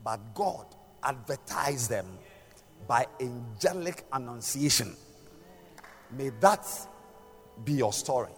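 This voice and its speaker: An older man preaching a sermon in a deliberate way, pausing and repeating phrases for emphasis. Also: mid-range voice, expressive. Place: large church hall during a service. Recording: long echoing hall reverb, music behind.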